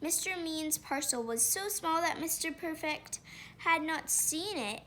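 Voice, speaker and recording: Woman, children's story reader, unhurried delivery, bright tone, pauses for pictures and questions. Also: very high-pitched, expressive, slight background noise, poor audio. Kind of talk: reading a children's picture book aloud.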